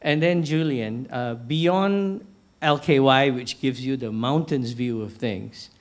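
Posing questions to a panel, a middle-aged man from Malaysia speaks into a handheld microphone from a large lecture hall stage. He tends to restart sentences, telling things in a measured, anecdotal way, at an ordinary middle pitch.

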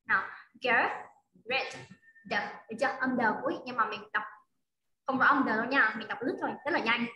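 High bright woman tutoring over a call. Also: racing, reverberant, slight background noise, low-quality recording. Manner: patient, coaxing, repeats drills. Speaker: English tutor. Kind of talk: one-on-one online lesson with a child. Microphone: video call.

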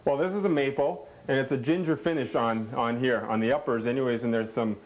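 A man's voice: medium pitch, fairly quick, low-quality recording. A man, a cabinet installer, explaining the layout in casual, matter-of-fact chat in a kitchen under renovation.

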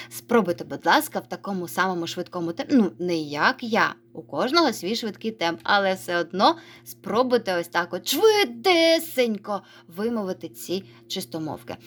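A woman teacher giving a recorded reading lesson to young children, praising them and slowly drawing out words as she models reading. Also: mid-range voice, a bit bright. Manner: encouraging, sing-song, stretches words slowly when modelling reading. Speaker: primary school teacher.

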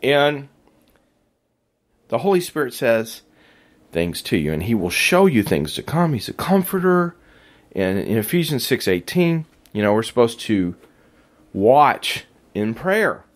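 A hoarse, raspy-voiced man hosting a casual faith podcast, talking in a laid-back, slangy, self-deprecating way. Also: medium pitch, very animated, unhurried, long pauses. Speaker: podcast host.

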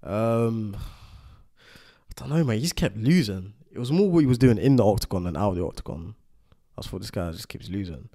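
Laid-back low-voiced man. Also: expressive, normal speed, mellow. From United Kingdom. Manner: laid-back, slangy, joking. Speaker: podcast co-host. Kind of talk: casual chat.

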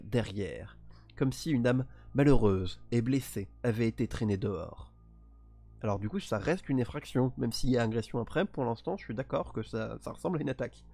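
A man at mid pitch reads grim tabletop horror narration in a steady storytelling voice, then slips into casual, teasing commentary. His asides sound playful and self-defensive, as if joking with viewers in a chat. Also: vocal fry, no room sound. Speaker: solo tabletop game player and streamer.

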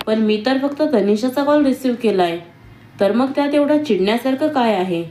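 A woman's voice: a little high, animated, moderate pace, warm tone, close to an everyday voice. A woman reading as a timid young woman. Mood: hurt.

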